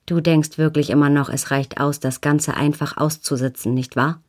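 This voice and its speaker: A woman's voice: low voice, fairly even intonation, normal speed, darkish tone. A woman voicing a proud, scornful woman with tightly controlled anger in an audiobook. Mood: urging. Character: proud angry woman in a fur coat, defiant.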